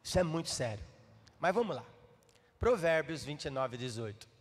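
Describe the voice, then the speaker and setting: A Brazilian man preaching as a pastor, speaking in an animated way and teasing and coaxing his congregation. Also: on the high side, normal speed. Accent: Brazilian Portuguese. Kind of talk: sermon. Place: church hall. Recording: reverberant church hall.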